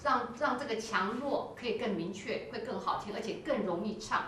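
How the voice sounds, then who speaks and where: A woman choir teacher coaching singers in rehearsal, energetic and coaxing, sometimes singing a phrase to show how it goes. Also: fairly high pitch, fairly quick, background noise. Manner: energetic, coaxing, breaks into sung demonstrations. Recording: echoey hall, voice from far off.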